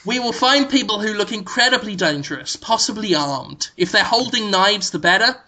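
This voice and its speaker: A man co-hosts a comedy podcast, delivering an absurd proposal with a totally straight, deadpan seriousness. His voice is bright and forceful, and he leans on frequent ums and uhs as he builds the bit. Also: normal speed. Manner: deadpan mock-serious pitch of an absurd plan. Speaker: podcast co-host.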